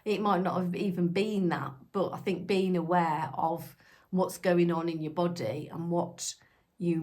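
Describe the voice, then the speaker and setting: A woman in her fifties talking to camera in a chatty, reflective way, with ums, her voice still recovering after an illness. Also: fairly low pitch. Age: 50s. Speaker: lifestyle vlogger. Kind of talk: casual direct-to-camera talk.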